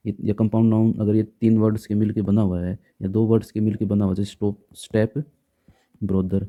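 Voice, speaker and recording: A man's voice: lowish voice, flat delivery, fast, narrow, tinny audio. A man teaching a grammar lesson in a patient way, often stopping to check in with his students. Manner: patient, repeats rules with frequent check-ins.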